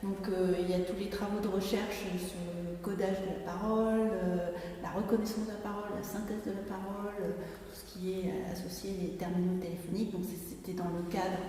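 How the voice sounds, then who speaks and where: A middle-aged woman gives an informal research presentation. Her voice is soft-edged and mellow, picked up from a distance in a very reverberant church with faint noise. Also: medium pitch, level tone, fairly quick. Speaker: acoustics researcher, speaker. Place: inside a church.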